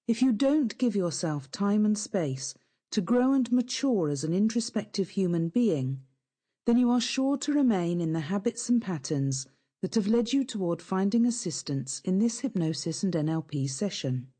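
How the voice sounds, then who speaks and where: A woman narrating a scripted guided hypnosis session in a calm, soothing, instructive way. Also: medium pitch, moderate pace, husky.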